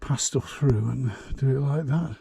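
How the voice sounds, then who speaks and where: A man, filming himself on an exposed fell and chatting casually about the route, rambling and unhurried with frequent hesitations. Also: medium pitch, creaky, husky, no room sound. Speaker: hillwalking vlogger. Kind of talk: casual walking commentary. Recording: loud wind noise on the mic. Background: gusting wind.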